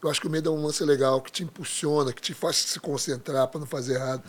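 A man, a singer, telling animated stories on a talk show, often laughing as he speaks. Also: on the high side, fast. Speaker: guest, singer. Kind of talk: casual interview chat.

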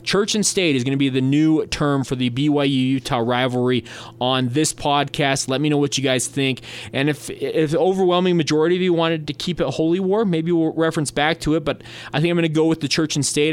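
A man's voice: a little high, steady tone, a little fast, clean tone. A young man hosting a solo sports podcast, chatty and easygoing, often restarting his sentences.

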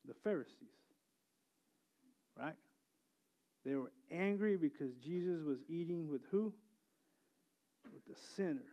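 A man's voice: on the high side, expressive, measured pace, pauses often. A man preaching a sermon in a conversational way, often restarting phrases and asking his listeners "right?". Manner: conversational preaching with frequent restarts and tag questions. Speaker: pastor. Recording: muffled lo-fi sound.

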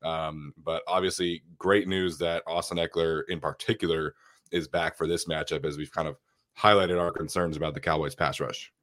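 A man's voice: a bass voice, little pitch movement, moderate pace, fairly bright tone. A young man hosting a casual sports podcast, congested and nasal from a cold, rambling loosely with many restarts. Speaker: podcast host.

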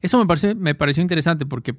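A man's voice: fairly high pitch, rapid-fire, no room sound, clean studio sound. A man with a Mexican accent co-hosting a podcast, chatting loosely with lots of fillers and tag questions. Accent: Mexican Spanish. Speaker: podcast co-host. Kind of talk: casual chat.

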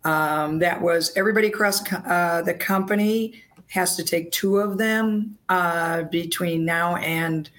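A woman sports reporter with laryngitis talks on a podcast, her lowish, somewhat bright voice hoarse. She speaks casually and earnestly but haltingly.

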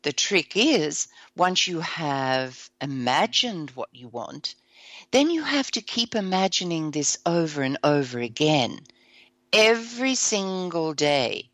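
A woman hosting an upbeat self-help show, enthusiastic and a little croaky today, often whooping and laughing. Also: deep voice, big pitch swings, takes it slowly, fairly bright tone, dry recording. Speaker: host.

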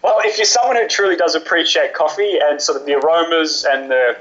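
A man co-hosting a podcast, animated and a little pompous as he holds forth in casual banter. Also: on the high side, fairly quick. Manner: animated, pompous about coffee. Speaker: podcast co-host. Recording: dull lo-fi podcast audio.

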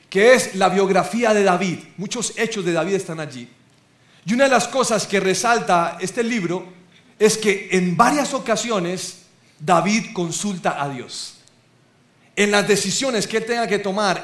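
A high-pitched man preaches a lively, humorous sermon to his congregation, tossing questions at the listeners. His voice rings through an echoey church hall. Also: unhurried. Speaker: pastor.

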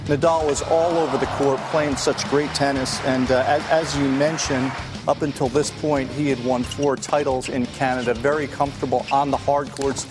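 A man's voice: medium pitch, little pitch movement, normal speed, over music. A middle-aged American man working as a tennis analyst on a studio panel, talking conversationally. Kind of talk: panel banter and match analysis.

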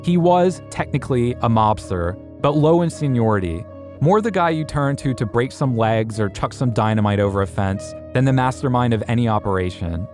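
Podcast narrator guy, average voice, measured storytelling, soft music underneath. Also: medium pitch, lively intonation. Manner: measured storytelling, rhetorical questions. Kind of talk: scripted investigative narration.

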